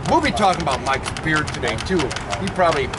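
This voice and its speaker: A man doing crude live roast banter at a wrestling event, mocking people and often laughing or shouting. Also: on the high side, big pitch swings, fast talker, noisy background. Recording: archive clip with a loud crowd. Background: loud crowd.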